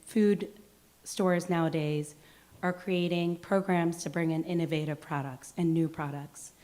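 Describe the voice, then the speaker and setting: A hoarse woman who has lost her voice asks a question from the audience, friendly and a little hesitant. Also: fairly low pitch, a little mellow. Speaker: audience member asking a question. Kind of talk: asking a question at a talk.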